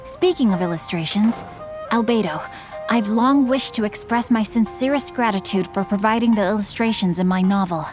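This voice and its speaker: Over music, a woman with a mid-range voice speaks at a moderate pace, lightly acted, voicing a polite, bookish teenage boy who writes novels in a video game. Her phrasing is formal and eloquent, and the mood is earnest and courteous.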